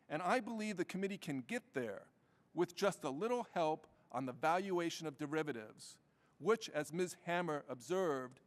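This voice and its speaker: A man in his fifties reading prepared testimony at a hearing in a measured way. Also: fairly high pitch. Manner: measured, reading prepared remarks with bursts of speed. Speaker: tax lawyer testifying as witness. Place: large hearing room. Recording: long reverb of a hearing room.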